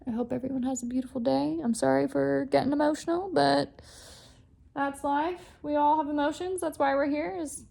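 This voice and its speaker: Young Californian woman tarot reader: chatty, giggly, emotional, a touch high, gravelly fry. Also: steady tone, normal speed, mellow. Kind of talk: casual spoken tarot reading.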